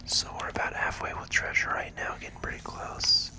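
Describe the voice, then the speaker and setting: A gaming video host plays while offering relaxed ASMR commentary in a hushed, breathy, unvoiced whisper, at normal speed.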